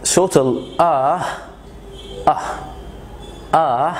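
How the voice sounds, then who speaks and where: A man's voice: on the high side, slight background noise. Egyptian man teaching English pronunciation. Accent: Egyptian Arabic. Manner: slow drawn-out English model words between quick Arabic explanation. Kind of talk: pronunciation lesson.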